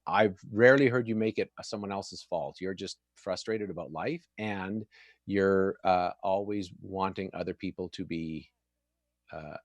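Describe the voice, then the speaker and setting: A man's voice: deep voice, measured pace, dry recording. A man hosting a casual live chat show, laughing easily and poking fun at himself. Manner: laughs often, chatty, self-deprecating. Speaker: show host.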